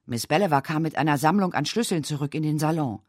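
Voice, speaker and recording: A woman reading a mystery novel aloud as an audiobook narrator, in a dramatic, expressive way. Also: sits low, fast talker, dry recording, clean studio sound.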